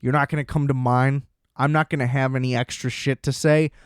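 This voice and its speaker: Excitable swearing man, dry close mic. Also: medium pitch, brisk, clear, resonant tone, no echo. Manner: excitable, profane, rambling. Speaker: podcast host. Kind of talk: casual solo podcast chat.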